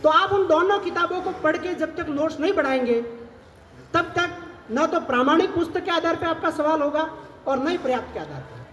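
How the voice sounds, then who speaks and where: A man with a very high-pitched voice talks straight to an audience of exam aspirants, explaining step by step and putting rhetorical questions to them. He speaks into a microphone in a large hall, and the sound rings with a long, echoey reverb over faint background noise. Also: a bit bright. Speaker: civil service officer advising exam aspirants. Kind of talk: advice talk to an audience.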